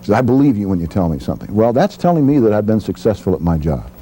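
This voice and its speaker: An older retired anchorman speaks in a low, mellow voice. He tells stories in an easy, relaxed way and chuckles often, with faint music playing under him. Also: fast. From United States. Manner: relaxed storytelling, chuckling easily. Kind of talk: reflective interview recollection.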